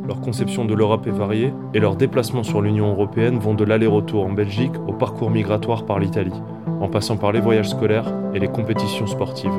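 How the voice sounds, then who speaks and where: A man reading a scripted documentary narration. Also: lowish voice.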